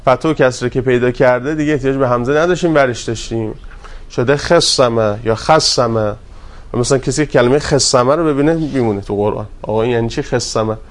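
Patient male teacher drilling grammar forms. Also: mid-range voice. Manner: drawn-out repetition of word forms, quizzing students; polite and deferential to the class leader. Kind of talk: classroom grammar lesson.

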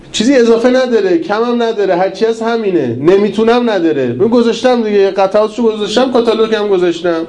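A man's voice: high voice, darkish tone. A male preacher giving a conversational, humorous sermon with acted asides. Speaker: cleric preacher. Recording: echoey room with faint ambience.

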